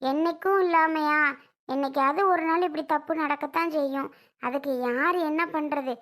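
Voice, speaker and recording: A woman plays a young wife caught out over a spoiled soup, her voice piercingly high and sharp. She pleads and snaps back. Her tone is bright and pressed, the voice of a comedy skit. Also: fairly even intonation, moderate pace. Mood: pleading, defensive. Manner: pleading, then snapping back. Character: flustered young wife defending her cooking.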